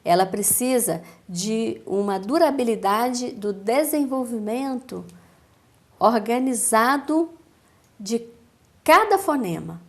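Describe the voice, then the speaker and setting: A woman with a Brazilian accent, a speech therapist giving a calm, didactic explanation in a TV interview, with measured pauses. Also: on the high side. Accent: Brazilian Portuguese.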